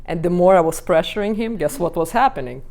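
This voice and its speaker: A middle-aged woman tells a group stories from her own marriage. Her voice is mellow and warm, and she acts out every quote as she goes. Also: fairly low pitch, fast talker, vocal fry. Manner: storytelling, animated acting out of quotes. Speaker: relationship coach. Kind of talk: talk to a live group.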